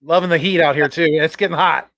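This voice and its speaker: A man from Northern California joins a sports podcast as a guest, his voice sitting a bit high. He chats in an upbeat way, often stopping to restart with "uh" and "I'm." The sound is dry and close, with no room behind it. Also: fairly even intonation, gravelly, a bit bright, no echo. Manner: upbeat, chatty, halting with fillers. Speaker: guest YouTuber. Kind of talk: casual sports podcast chat.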